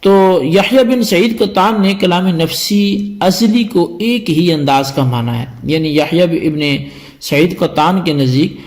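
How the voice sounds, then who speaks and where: Male religious teacher, fairly high voice, patient step-by-step scholarly lecture. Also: a little mellow. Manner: explanatory, defines terms step by step. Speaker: teacher of Quranic exegesis.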